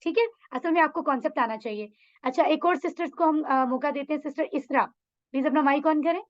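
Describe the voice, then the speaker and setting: Over a video call mic, a woman teaches an online Arabic class, encouraging her students and mixing English phrases into her Urdu. Her voice is high and fairly quick, and the sound is lo-fi.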